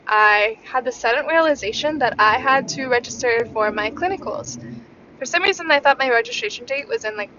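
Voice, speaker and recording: A young woman hosting a podcast, rambling in a wry, casual way full of fillers. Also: a bit bright. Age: young adult. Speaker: podcast host, student. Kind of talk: casual chat. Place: in a moving car. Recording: muffled lo-fi car recording. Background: faint vehicle rumble.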